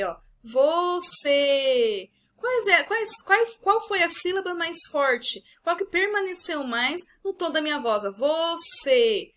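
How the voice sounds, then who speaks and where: A Brazilian woman teacher with a Brazilian Portuguese accent, explaining a lesson to her pupils and drawing out words slowly to show their stressed syllables. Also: high voice, sharp tone. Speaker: primary school teacher. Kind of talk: recorded remote class explanation.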